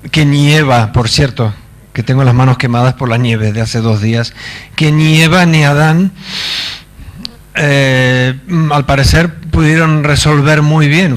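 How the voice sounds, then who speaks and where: Slow, halting man lecturing. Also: mid-range voice. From Argentina. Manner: halting, many fillers and pauses, wry asides. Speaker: conference speaker. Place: conference stage.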